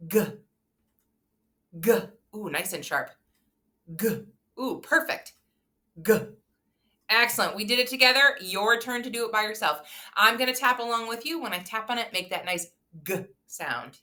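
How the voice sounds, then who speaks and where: A woman's voice: on the high side, bright, forceful tone. A woman with an encouraging kindergarten teacher voice, leading a phonics lesson and putting questions straight to young children in an exaggerated way. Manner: talks directly to the child listener, posing questions with pauses. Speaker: early reading teacher.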